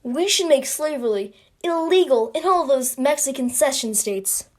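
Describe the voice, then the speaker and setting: A woman's voice: high voice, lively intonation, normal speed. Woman doing an eager, insistent congressman. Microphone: phone.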